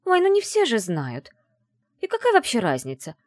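Woman putting on a high nasal simpering lady. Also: wildly swooping pitch, moderate pace, a little mellow, no echo, clean studio sound. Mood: simpering, mocking. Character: haughty simpering society lady mage. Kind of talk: audiobook character voice.

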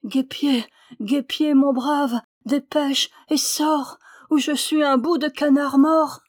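A woman's voice: animated, normal speed, lightly acted. A woman voicing a plucky little male duck who keeps crying out for his money in a storybook. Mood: desperate. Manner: shrill, insistent crying out.

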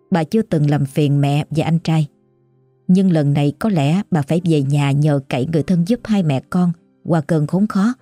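A woman narrating a scripted ghost story in a measured, somber way. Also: low voice, warm tone, no room sound. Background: faint music.

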